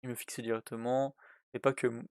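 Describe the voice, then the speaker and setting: A man's voice: mid-range voice, level tone, brisk, a little mellow, smooth, dry recording, clean studio sound. A man commenting on a horror game as he plays, translating its text aloud with many fillers and restarts. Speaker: gaming youtuber. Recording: faint game music behind.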